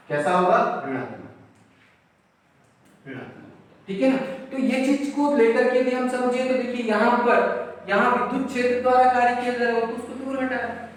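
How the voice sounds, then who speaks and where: A man teaching a physics lesson, asking questions and answering them himself and repeating key terms, with English words mixed in. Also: very high-pitched. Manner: mixes in English words and numbers. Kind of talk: classroom physics lecture. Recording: very echoey room, voice from far off, faint noise.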